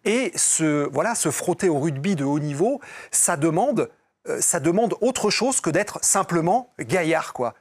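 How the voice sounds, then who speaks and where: A man speaking as a guest in a studio discussion, starting haltingly with repeated words and then talking fluently in lists. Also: a little high, animated, dry recording. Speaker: talk show guest.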